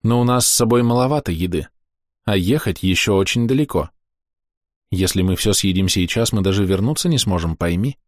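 Male narrator doing a level-headed young woman, firm and steady, storybook read. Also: sits low, a little fast, no echo, clean studio sound. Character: calm, stern young woman traveler.

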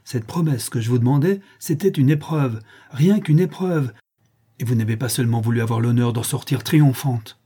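A man's voice: medium pitch, flat delivery, fast talker, hardly any pauses, mellow, husky, close to an everyday voice. A man reading an audiobook and voicing a haughty older aristocratic countess who scolds and commands. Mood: bitter, ironic.

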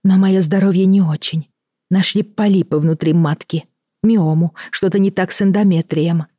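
A man's voice: high voice, steady tone, moderate pace, warm tone, no room sound, clean studio sound, pitched above the performer's own voice. A man voicing a middle-aged woman lover, earnest and pleading, in an audiobook reading.

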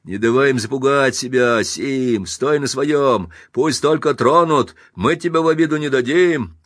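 A man voicing a burly, pugnacious ward tough shouting encouragement to an ally. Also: mid-range voice, unhurried, no room sound, clean studio sound, voice pushed up, lightly acted. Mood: defiant. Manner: gruff, rallying shouts.

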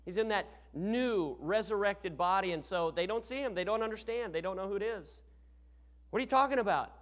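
A male pastor delivers a church sermon. He preaches emphatically in a fairly high voice, putting rhetorical questions to his listeners. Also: fairly quick.

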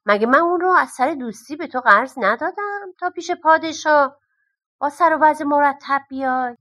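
A sly, greedy miser of a man, his voice pitched high and sneering, whines his schemes in a storybook tale, as a woman reader puts him on. He speaks with a lively, pinched edge. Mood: scheming.

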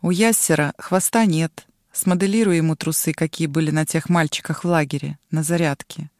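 A woman's voice: low voice, steady tone, moderate pace, darkish tone, no echo, studio quality, natural voice. A woman voicing a tired, subdued young alien boy. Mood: weary. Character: weary young alien boy, her brother.

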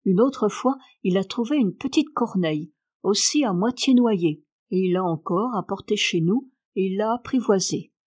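A woman's voice: medium pitch, lively intonation, normal speed, hardly any pauses, darkish tone, natural voice. A woman reading the lines of a talkative young housemaid in a storybook, in a plain matter-of-fact telling voice. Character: stubborn chatty young housemaid. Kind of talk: audiobook character reading.

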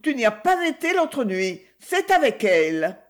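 A jealous young wife, shrill and accusing, as a woman reader puts her on. The voice climbs high and swings widely, while the words come slow and heavy. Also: sing-song.

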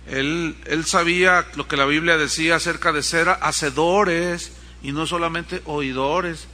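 A man's voice: fairly high pitch, measured pace. A man preaching a sermon in a conversational way, with asides to the congregation and acted-out quotes. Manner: animated storytelling, acting out quotes.

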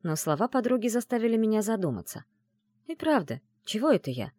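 A woman narrating a first-person fantasy novel in an expressive, emotional reading style. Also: medium pitch, brisk, no room sound, clean studio sound. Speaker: audiobook narrator.

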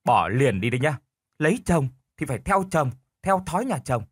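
A man's voice: mid-range voice, animated, fairly quick, a bit bright, no echo, studio quality. Man doing a stubborn, lazy old village husband. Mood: stubborn bickering. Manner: stubborn, quarrelsome.

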